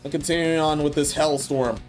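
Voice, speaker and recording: Casual commentary host, blunt and profane, mid pitch, faint music under. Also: fairly even intonation, a little fast.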